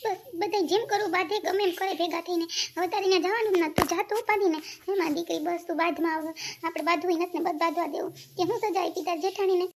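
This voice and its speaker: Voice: extremely high pitch, fairly even intonation, noisy background. A voice actor putting on a protective middle-aged mother who chides and comforts her daughter. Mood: soothing. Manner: quick, chiding, comforting. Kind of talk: Gujarati cartoon voice acting.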